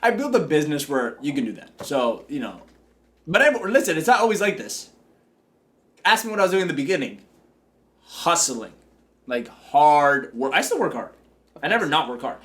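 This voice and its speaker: A business coach hosting his show speaks in a slightly high, somewhat bright voice, very animated, at a moderate pace with frequent pauses. His motivational coaching talk is confident, upbeat and joking.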